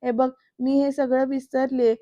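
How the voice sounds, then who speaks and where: A woman voicing a caring young serial heroine, speaking in a gentle, coaxing way. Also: sits high, little pitch movement, measured pace, dry recording. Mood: soothing. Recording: dull lo-fi, dry room.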